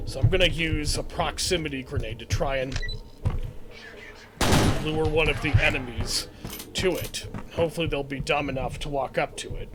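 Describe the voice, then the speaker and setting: A man's voice: fairly high pitch, moderate pace, heavy background noise. A man giving casual, chatty let's-play commentary as he plays through a shooter game, often chuckling at it. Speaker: gaming channel host.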